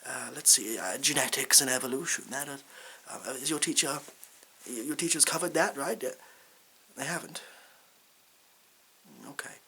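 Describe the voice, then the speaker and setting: Man acting bumbling supply teacher, bright ASMR role-play. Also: mid-range voice, normal speed, pauses often. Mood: flustered stalling. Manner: hesitant, rambling, stalling, deadpan asides. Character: bumbling male supply science teacher, evasive, unsure, self-important. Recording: hissy background noise.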